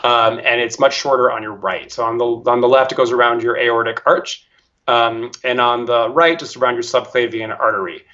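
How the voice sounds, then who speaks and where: Man, middle-pitched, teacherly explainer, muffled lo-fi sound; a patient guest voice. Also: steady tone, moderate pace, pushed and bright. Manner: careful, teacherly, demonstrates voice techniques aloud. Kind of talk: explanatory interview answer.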